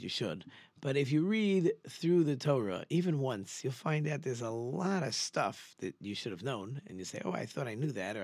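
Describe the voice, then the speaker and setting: A religious teacher gives an informal Torah class as a conversational sermon, asking rhetorical questions and repeating points for emphasis. His voice is mid-pitched and a little mellow, recorded very dry with no room sound.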